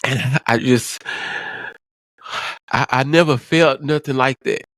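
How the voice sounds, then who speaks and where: Halting, emotional man telling his story. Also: medium pitch, a bit bright, no echo. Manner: halting, repeats words, frank and profane. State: emotional, near tears. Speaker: vlogger.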